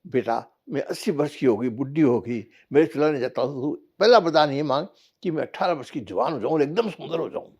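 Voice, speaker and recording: A man's voice: a little high, animated, fairly quick, a little mellow, slightly rough, muffled recording. A man voicing an old mother made young, a vain and haughty woman, in a told parable. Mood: pleased. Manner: haughty, self-satisfied.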